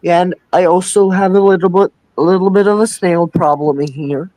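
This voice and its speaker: A man's voice: sits high, fairly even intonation, a little fast, warm tone, dry recording, low-quality recording. A young man from the calls in to a live stream and hesitantly asks questions about his aquarium. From Czech Republic. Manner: hesitant, many fillers and restarts, asks questions. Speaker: caller. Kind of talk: live-stream casual chat.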